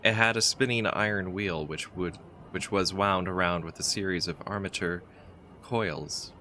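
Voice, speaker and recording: A man's voice: low-pitched, steady tone, measured pace, pushed and bright, a little hiss or hum. A man playing a text adventure game, chatting casually and reading the story aloud, often stumbling and restarting words. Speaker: game player.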